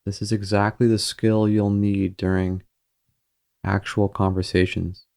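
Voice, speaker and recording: This meditation guide is a man whose voice is low and clearly creaky. He keeps his intonation fairly even and speaks gently and measuredly, with pauses after short phrases, which makes for a calm, steady, soothing feel.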